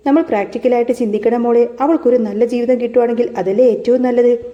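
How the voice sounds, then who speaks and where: A woman voicing a gentle, feverish young woman who talks softly and soothingly. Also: a little high, quick pace, dull audio, natural voice. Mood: gentle, reassuring.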